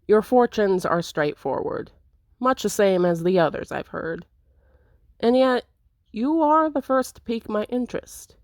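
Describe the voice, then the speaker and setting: A woman reading a visual novel aloud, voicing an imperious aristocratic countess with a haughty, measured, commanding manner. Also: mid-range voice, expressive, darkish tone, no echo, clean studio sound, pitched above the performer's own voice, close to an everyday voice.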